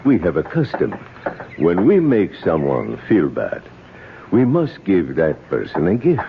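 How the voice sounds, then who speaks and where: An actor playing a grieving native man in a radio drama, outwardly polite and secretly vengeful, speaking in slow, deliberate, formal phrases. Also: low-pitched, wildly swooping pitch, gravelly, full character voice. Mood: solemn, persuasive. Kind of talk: 1970s radio drama acting. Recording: noisy, dull old radio broadcast.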